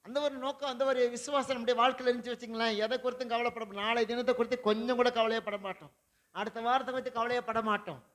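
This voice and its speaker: A male pastor preaching a sermon, swinging between loud declarations and low asides, with repeated rhetorical questions to the congregation. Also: fairly even intonation, quick pace. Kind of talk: Tamil sermon.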